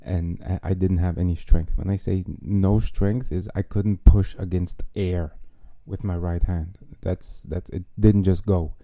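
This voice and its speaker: A man's voice: deep voice, fairly even intonation, a little slow, few pauses, dark tone, no room sound. A man hosting a podcast, telling a personal story in a casual, self-mocking monologue with wry jokes. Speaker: podcast host.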